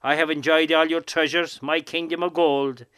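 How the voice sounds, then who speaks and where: Male poet, Kerry accent, higher-set crystal-clear voice, lilting storyteller delivery of rhyming verse, even intonation. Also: moderate pace, dry recording. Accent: Kerry Irish. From County Kerry, Ireland. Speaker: local poet. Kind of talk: recited rhyming poem.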